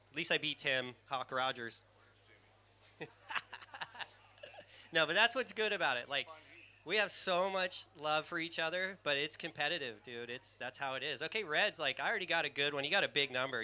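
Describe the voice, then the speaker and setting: A man with a squeaky surfer voice calls a live surf contest, naming riders by their jersey colors. His tone is very bright and cutting, pitched a little above the usual, and he rambles along with eager excitement.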